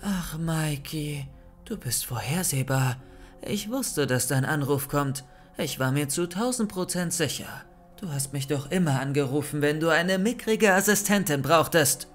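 A cold, mocking young woman villain from a horror audiobook, read by a man. She gloats in a fairly high voice over faint music. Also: animated, measured pace. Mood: cold gloating.

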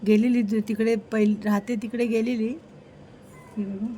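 A woman's voice: on the high side, flat delivery, normal speed, warm tone, slight background noise, poor audio. A woman fussing over her cat and talking to it, in a casual home vlog at night. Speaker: vlogger caring for a pregnant cat.

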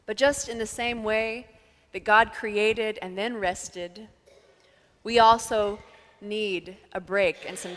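A woman pastor in her thirties delivers a sermon at a medium pitch, calm and measured, pausing to let points settle. Her voice carries the long reverb of a church sanctuary, picked up on a headset mic. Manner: calm, measured preaching with thoughtful pauses.

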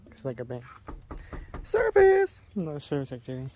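A man's voice: a little high, moderate pace, highs cut off, a little hiss or hum. Joking young man vlogging on a phone. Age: young adult. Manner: excitable, joking, self-mocking. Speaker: missionary vlogger. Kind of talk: casual vlog narration. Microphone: phone held at arm's length.

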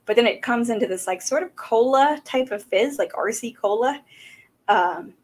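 A woman in her thirties from South Carolina, with a Southern American accent and a fairly high voice at a moderate pace, hosts a casual whiskey-tasting livestream from a small room at home. She rambles and chats, filling her speech with fillers, into a desk mic on a boom arm.

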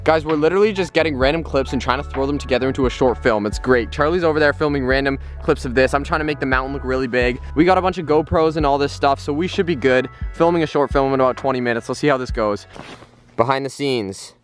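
A young man chatting casually into a handheld camera outdoors in the snow, upbeat and excitable. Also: medium pitch, fast, faint music behind. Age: young adult. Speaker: vlogger. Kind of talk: casual vlog chat. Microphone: handheld camera at arm's length.

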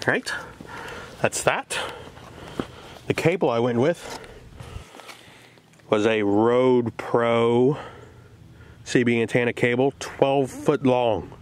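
He speaks in a mid-range voice, taking it slowly and pausing often. As host of a casual DIY how-to vlog, he gives plain, step-by-step phrases into a handheld camera at arm's length, filming outside in a yard and in a parked vehicle. The recording has clear ambient noise from the camera.

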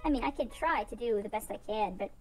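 A woman's voice: on the high side, fast, faint music behind, close to an everyday voice. A woman voicing a helpful, childlike female AI game server who explains things earnestly. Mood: explaining. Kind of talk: gaming roleplay.

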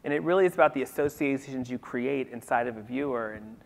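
A man talks on a literary festival panel, his voice at a middling pitch. He thinks aloud in an animated way, peppering his points with "you know". The sound carries a long reverb, the kind a large hall gives. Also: fast, gravelly. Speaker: panelist discussing theater.

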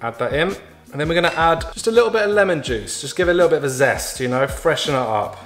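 A man's voice: fairly high pitch, expressive, fast, fairly bright tone. A man chatting casually as he cooks in his home kitchen, with playful asides and small jokes. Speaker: home cook, vlog regular. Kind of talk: casual cooking walkthrough. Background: background music.

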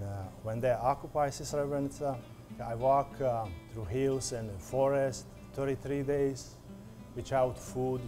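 A middle-aged man from Bosnia and Herzegovina with a Bosnian accent, speaking halting broken English with many pauses in an interview, recorded on a lapel mic in a bakery. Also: mid-range voice. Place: indoor bakery.

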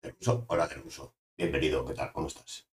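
A man voicing a nervous little male toy doll that stands in for the streamer, speaking quietly and repeating himself. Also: rumbling low, fairly even intonation, fast talker. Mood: sheepish.

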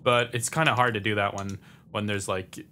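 A man's voice: fairly low pitch, fairly even intonation, a little fast, pushed and bright, slight background noise. A man giving casual, chatty commentary while playing a video game, thinking aloud and swearing now and then. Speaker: gameplay commentator. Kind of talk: casual let's-play commentary. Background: game sounds and music.

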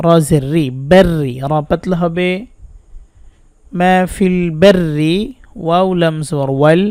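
A man teaching Quran reading in a Bangladeshi Bengali accent, patiently spelling out each syllable and repeating it slowly. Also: fairly high pitch, darkish tone, clean tone, dry recording, clean studio sound. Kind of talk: step-by-step spelling lesson with slow recitation.

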